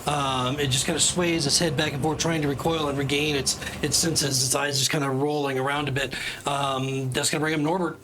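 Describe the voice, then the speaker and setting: A man running a tabletop game as game master, narrating the action vividly with halting restarts. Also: fairly high pitch, little pitch movement, background noise.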